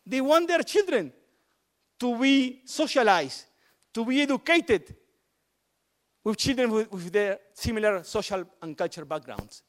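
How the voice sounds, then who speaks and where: High-voiced man talking emphatically. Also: lively intonation, a little slow, long pauses. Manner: emphatic, repeats words for stress. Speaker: education policy speaker. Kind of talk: panel talk on inclusive curricula.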